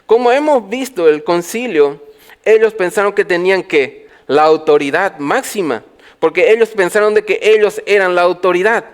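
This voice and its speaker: Pastor guy preaching, fairly high voice, lots of questions to the church, swings loud to soft. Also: moderate pace, smooth. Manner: preaching with rhetorical questions to the congregation; swings from loud calls to quiet low phrases. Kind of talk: sermon.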